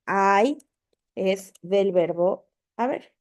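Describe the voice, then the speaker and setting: An online course tutor explains spelling and punctuation to her students with great patience, her medium-pitched voice a little mellow and extremely slow. She repeats her points and often checks in with "¿ok?"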